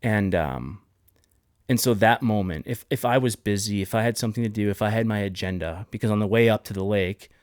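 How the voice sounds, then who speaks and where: Low-voiced earnest man hosting a podcast. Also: fairly quick, no room sound, clean studio sound. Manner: earnest, heartfelt storytelling with frequent restarts. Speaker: podcast host. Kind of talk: casual podcast conversation.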